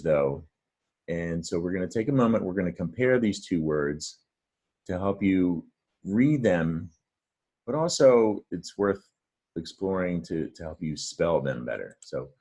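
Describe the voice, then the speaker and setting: A man's voice: low voice, darkish tone, husky. A man teaching a reading lesson, patient and encouraging as he explains words step by step. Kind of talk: friendly reading lesson to camera.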